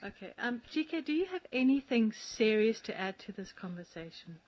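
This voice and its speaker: A woman's voice: a little high, expressive, a little fast. A woman co-hosting in casual banter, teasing and prodding the others along. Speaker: co-host. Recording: dull lo-fi audio.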